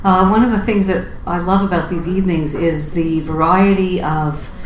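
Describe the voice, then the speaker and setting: Female open mic host, slightly low voice, informal remarks, roomy live sound. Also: steady tone, normal speed. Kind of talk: informal spoken remarks to an audience. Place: indoor open mic event room. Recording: roomy live recording with background noise.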